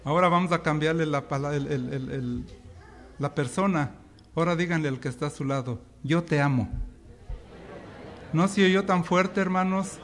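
A man preaches a sermon in a church through a microphone. He draws the congregation in with questions and call-and-response, and his voice sits a little higher than most men's. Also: moderate pace. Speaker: pastor.

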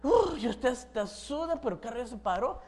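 A woman's voice: fairly high pitch, animated, a little fast, darkish tone. A woman preaching a sermon, asking the audience questions and acting out everyday scenes with sound effects.

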